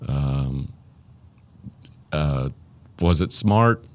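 Deep-voiced Arkansas man, folksy. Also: expressive. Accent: Arkansas Southern. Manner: folksy, plain-spoken, halting. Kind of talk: casual reminiscing interview.

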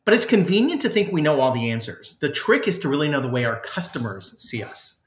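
A man's voice: a little high, sing-song, brisk, roomy sound. A man, a customer service executive, answering interview questions in an earnest, conversational way with frequent fillers and restarts.

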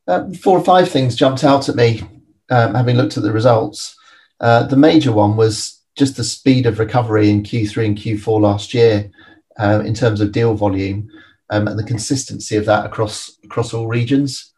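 A man speaking as an expert guest, giving measured, analytical answers in an interview. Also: lowish voice, a little mellow. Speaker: private equity expert guest.

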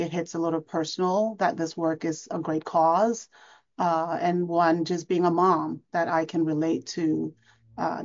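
A woman's voice: low voice, gravelly, a little mellow, muffled recording. A woman from Cameroon, a foundation leader speaking earnestly in an interview, with fillers and restarts.

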